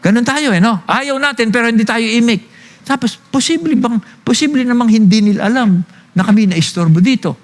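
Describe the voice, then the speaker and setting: A man with a Filipino accent preaching a sermon as pastor. He tells stories between Tagalog and English and slows down hard to stress his points. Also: very high-pitched. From Philippines. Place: church hall. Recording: long reverb of a church hall.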